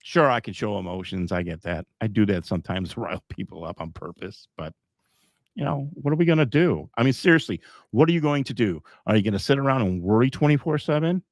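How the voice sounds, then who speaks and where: A man's voice: on the low side, lively intonation, fast talker, no room sound, studio quality. A middle-aged man hosting a live podcast, talking in a rambling, emphatic way with frequent chuckles. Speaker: podcast host.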